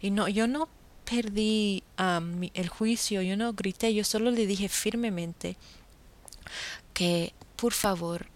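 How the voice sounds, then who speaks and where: A woman talking earnestly and firmly to her listeners in a casual monologue, often restarting her sentences and dropping into soft murmured asides. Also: medium pitch, a little slow. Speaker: vegan vlogger.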